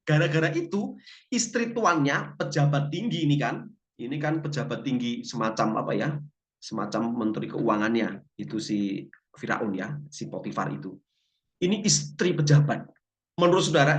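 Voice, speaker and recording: Lively man teaching a Bible class. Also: on the high side. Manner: lively storytelling, asks class questions. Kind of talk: classroom Bible lesson with jokes.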